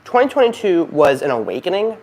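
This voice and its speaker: Recorded next to a loud heating fan, with poor audio overall, a man hosts an offhand update vlog for his video channel without a script. He sounds fairly high and sing-song, a bit dark in tone, and talks fairly quickly, wandering goofily and interrupting himself often.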